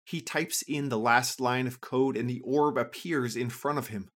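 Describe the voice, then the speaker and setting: A storyteller reading a scripted adventure story for children, with an expressive, lively delivery. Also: moderate pace. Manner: lively, expressive reading with a wide pitch range.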